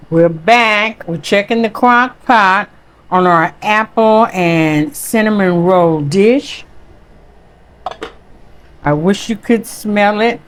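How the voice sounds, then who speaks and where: A woman's voice: mid-range voice, poor audio. A woman giving a home cooking demonstration in a kitchen, chatting and savoring each step aloud. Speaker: home cook.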